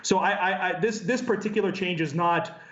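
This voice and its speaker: A man's voice: sits high, a bit bright. Roomy man on a dull remote feed. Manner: measured, with frequent fillers and restarts. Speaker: human rights researcher. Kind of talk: live remote news interview. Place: office with a branded backdrop. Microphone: earpiece and camera video link.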